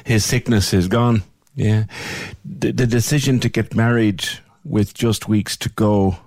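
A man's voice: fairly low pitch, fairly even intonation, a little slow, darkish tone, dry recording, studio quality. A man asking questions as an interviewer, in a sympathetic, understated conversational way.

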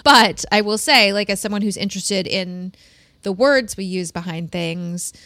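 A woman hosting a podcast in casual, chatty style with vocal fry, often dropping in "like" as she gives advice. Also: medium pitch, moderate pace, bright, forceful tone, no echo. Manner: casual, peppered with "like". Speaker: podcast host.

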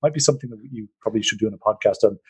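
An Irish man with a lowish, breathy-edged voice hosts a podcast at a very fast clip. He rambles and jokes like a chatty storyteller, keeping the talk casual.

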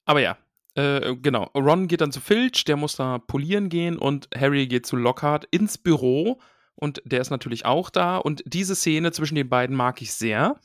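A man's voice: on the high side, animated, moderate pace, dry recording. Chatty man recapping a book, dry sound. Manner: chatty, retells scenes with playful voiced quotes. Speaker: podcast co-host. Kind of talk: casual chat recapping a book chapter.

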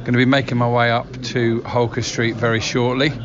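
A man's voice: medium pitch, monotone, brisk. A man interviewing on location as a football commentator, with hesitant, stop-start phrasing. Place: busy pub. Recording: dull sound amid crowd chatter.

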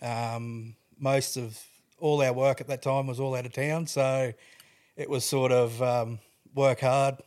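Casting: male Australian interview guest, mid pitch, laconic, colloquial, casual storyteller. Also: level tone, slow, darkish tone. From Toowoomba, Queensland, Australia. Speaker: podcast guest, bricklayer by trade. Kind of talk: casual chat, telling life story.

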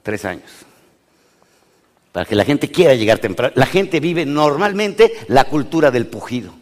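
A man with a Mexican accent delivers a motivational business lecture in an animated way, his voice sitting at a middle pitch. He swings between loud and hushed and keeps asking the crowd questions. The sound carries a long reverb from the lecture hall. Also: moderate pace. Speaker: motivational speaker. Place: large lecture hall with audience.

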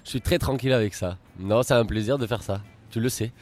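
A man's voice: fairly low pitch, a little fast, darkish tone, faint music behind. A man with a southern French accent, a guest in a casual interview, talking in a cheerful, self-mocking way.

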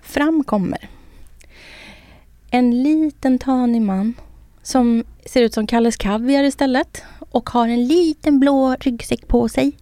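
A woman's voice: high voice, warm tone, no room sound. A woman co-hosting a podcast in casual chat, telling stories in a rambling way, acting out what people said and swearing freely. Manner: rambling storyteller who acts out quotes and swears freely. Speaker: podcast co-host.

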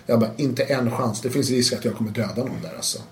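A man guest telling his own story in a casual, animated way, swearing now and then and acting out what others said. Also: mid-range voice. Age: adult with children. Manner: animated, swears, acts out quotes, laughs often. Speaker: interview guest. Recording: roomy room with faint noise.

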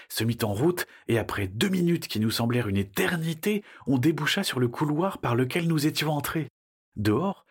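A man narrating a children's adventure audiobook in a lively storytelling manner. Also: mid-range voice, husky. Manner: lively storytelling, shifting into character voices.

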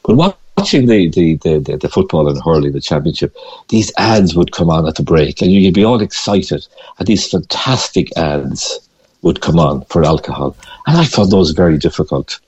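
An older man with a west of Ireland accent speaks in a very deep, husky voice. He explains things conversationally, circling back over words. The sound is dull and slightly muffled, like a lo-fi line. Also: expressive, normal speed, darkish tone. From Galway, west of Ireland. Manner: hesitant, repeating words as he explains. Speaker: radio interview guest, mindfulness teacher. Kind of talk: conversational interview talk.

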